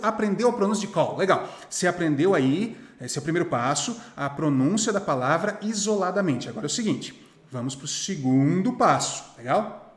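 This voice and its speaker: A young Brazilian man teaching English casually to camera, chatty and repetitive, often checking in with the viewer. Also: a little high. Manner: chatty, repeats himself, asks "tá?" often. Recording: roomy echo.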